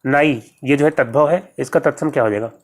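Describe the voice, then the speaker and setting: Man, exam coaching teacher, grammar lesson, methodical, repeats answers, mid pitch. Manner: methodical, repeats each answer and spelling slowly.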